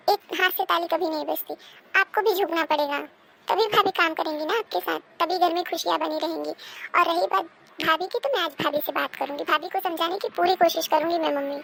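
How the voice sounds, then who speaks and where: A woman voicing a calm, reasonable married daughter in a cartoon, giving soothing advice. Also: very high voice, vocal fry, exaggerated voice. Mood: advising. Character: calm, sensible married daughter visiting home. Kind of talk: cartoon dubbing.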